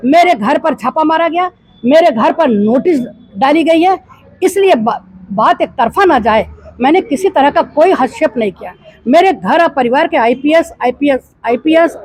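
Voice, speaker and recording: The recording is dry, capturing the high-pitched voice of an older woman politician from Gorakhpur, eastern Uttar Pradesh, India. Questioned by a news reporter, she replies with indignant rhetorical questions.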